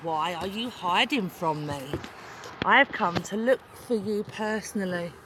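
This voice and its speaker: Woman doing a slow creepy demon queen, cackles a lot, noisy outside. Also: mid-range voice, natural voice. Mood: menacing. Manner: menacing, slow, with cackling laughs. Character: gloating female demon queen of the underworld. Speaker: wrestling promo villain. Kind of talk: villain promo monologue.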